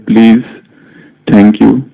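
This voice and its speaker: Male spiritual teacher, unhurried and gravelly, teaching a group on a dull lo-fi recording. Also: on the low side, flat delivery. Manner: slow, measured teaching with many English words mixed in.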